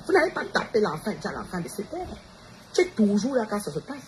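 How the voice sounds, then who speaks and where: A woman's voice: medium pitch, big pitch swings, fast, a little mellow. Woman, confrontational livestream rant, defiant, noisy ambience behind. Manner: defiant, addresses rivals directly with repeated challenges. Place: Montreal.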